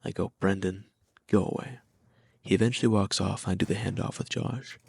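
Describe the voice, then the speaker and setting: Gravelly young man telling a wry story. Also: deep voice, fairly even intonation, quick pace, darkish tone, no echo. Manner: wry, slangy first-person storytelling. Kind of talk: scripted storytime narration.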